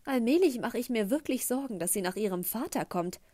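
Woman voicing a middle-aged mother, effusive, tactless, pitched up, mellow timbre, dry sound. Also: expressive, brisk, dry recording. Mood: gushing. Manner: loud, effusive, embarrassing chatter.

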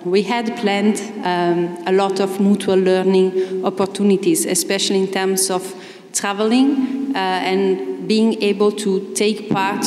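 A woman in her forties answering a question on a conference panel at a desk mic, halting with many fillers. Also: mid-range voice, a little mellow. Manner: hesitant, many fillers, hand gestures. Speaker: panel speaker. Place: large ornate conference hall. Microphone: desk microphone. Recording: echoey hall reverb.

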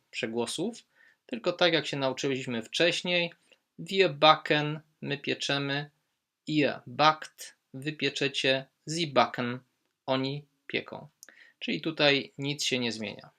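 A male German teacher talks through verb endings in a slow, unhurried way. His voice is bright and clear, and he calmly leans on each example word he wants learners to remember. It sounds like an online lesson recording. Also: mid-range voice. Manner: patient, explains step by step, stresses German example words.

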